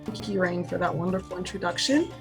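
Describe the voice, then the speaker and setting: A woman's voice: on the low side, fast, music in the background. A woman moderating an online panel, polite and enthusiastic, calling on each guest in turn.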